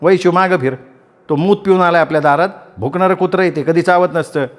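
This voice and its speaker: A sharp-tongued old village mother, fierce and protective, raising her voice high to scold, as a man puts her on. her storybook lines come defiant and cutting. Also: brisk, close to an everyday voice. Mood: scornful.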